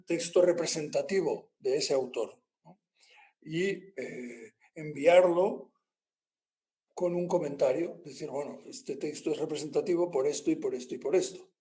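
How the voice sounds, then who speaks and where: A man lecturing his class in a relaxed, digressive manner. His voice sits a little high for a man yet sounds mellow and soft-edged. He winds through his points with fillers and keeps checking in with a quick tag question. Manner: rambling, ends phrases with a tag question, many fillers. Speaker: university lecturer.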